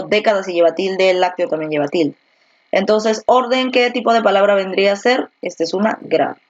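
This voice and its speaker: A woman teacher giving an online class, patiently repeating words slowly to show where the stress falls and asking the student questions. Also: mid-range voice, muffled recording. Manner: asks rhetorical questions to the student. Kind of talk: virtual class lesson.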